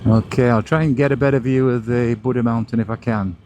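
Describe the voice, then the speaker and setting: A man narrates his motorbike ride in a casual, chatty way, explaining things like a local guide. His voice sits at an average pitch. It is recorded outdoors on the move, with light vehicle and wind noise behind it. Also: fairly even intonation, fairly quick, darkish tone. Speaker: motorcycle vlogger and host. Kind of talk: casual motovlog commentary while riding. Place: outdoors, riding a motorbike along roads.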